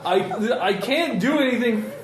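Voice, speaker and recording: A man's voice: very high voice, expressive, unhurried. A man chatting casually as a player in a tabletop game. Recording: echoey room, people talking behind.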